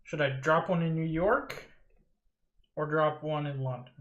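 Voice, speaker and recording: A man's voice: a little high, a little slow, highs cut off. A man in his early twenties playing a board game, asking questions and thinking his moves aloud in casual chat. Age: 20s. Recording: echoey room.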